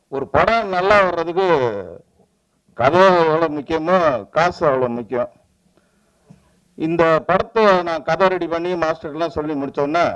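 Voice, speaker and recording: A man, a film director giving an animated press meet speech and acting out the lines he quotes. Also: on the high side, dull audio. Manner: animated storytelling, acts out quoted dialogue.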